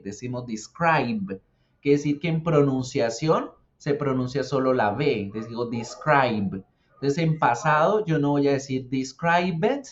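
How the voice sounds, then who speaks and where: Male teacher walking a learner through pronunciation, patient and slow in his repeats, muffled lo-fi recording. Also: medium pitch, a little mellow. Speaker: English teacher. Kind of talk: explaining English grammar and pronunciation. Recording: dull lo-fi sound.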